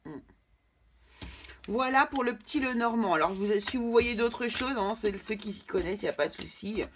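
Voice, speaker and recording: A woman's voice: on the high side, animated, moderate pace, a little hiss or hum. A French woman talks through a tarot card spread for her viewers. She speaks casually, with many fillers and restarts, repeating words as she gathers her thoughts. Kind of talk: casual tarot reading video.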